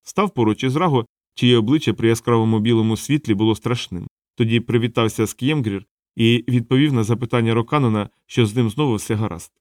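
A man narrating an audiobook in an even, steady storytelling voice. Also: mid-range voice, fast talker, hardly any pauses, no room sound, clean studio sound. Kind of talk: scripted narration.

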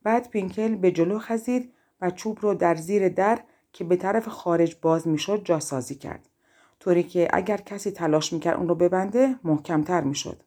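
Warm, low-voiced woman reading fairy tales. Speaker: audiobook narrator. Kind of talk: fairy-tale audiobook narration.

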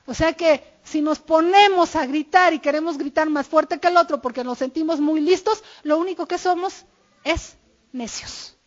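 A woman's voice: high-pitched, moderate pace. A woman giving an informal church talk on marriage, speaking candidly about herself and quoting her husband. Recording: dull lo-fi recording.

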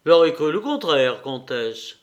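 A man's voice: fairly high pitch, big pitch swings, measured pace, muffled recording. A man voicing a polite, easygoing nobleman. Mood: amiable. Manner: polite, agreeable. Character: amiable, easygoing nobleman, middle-aged man.

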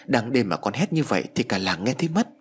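Man doing an older village mother-in-law, motherly, commanding, lively swings in pitch, ghost story audiobook. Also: quick pace, slight background noise, natural voice.

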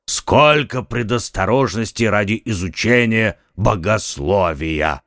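Man voicing a mocking braggart musketeer, gravelly, loud-mouthed, audiobook character. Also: on the low side, slow pace, dry recording, clean studio sound. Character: mocking, boastful young male musketeer.

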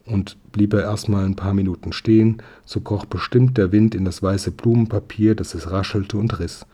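A man reading a children's story aloud as narrator in a calm, even manner. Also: on the low side, normal speed, husky. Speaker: audiobook reader.

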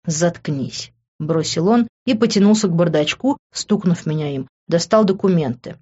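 A woman's voice: on the low side, lively intonation, moderate pace, warm tone, slightly rough. Woman narrating an audiobook, muffled sound. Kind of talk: first-person audiobook narration.

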